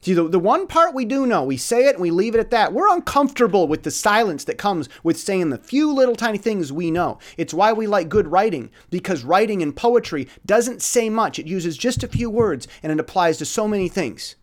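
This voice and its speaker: A man giving a casual, reflective monologue of life advice, earnest, often restarting his words and swinging between louder and softer passages. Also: high voice, big pitch swings, brisk, hardly any pauses.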